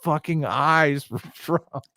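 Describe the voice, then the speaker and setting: A man guesting on a casual livestream chat, joking and animated. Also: fairly high pitch, slow, no echo. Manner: animated, joking, laughs easily.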